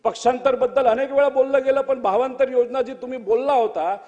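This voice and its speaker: A man's voice: very high voice, steady tone, a little fast, darkish tone, lo-fi sound. A male legislator giving an earnest floor speech, pleading with the chair again and again. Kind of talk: assembly speech. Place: state legislative assembly chamber. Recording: long reverb of a large assembly hall.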